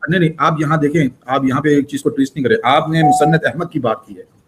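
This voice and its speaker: A man's voice: fairly high pitch, steady tone, noisy background. Challenging man in a debate. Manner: challenging, brief interjections. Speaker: debate guest. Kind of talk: religious debate.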